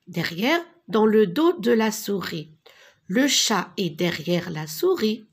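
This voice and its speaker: A woman with a slightly husky voice gives a reading lesson to small children. She speaks very slowly and deliberately, sounding out syllables and repeating each word so the pupils can follow. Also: medium pitch. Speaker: teacher.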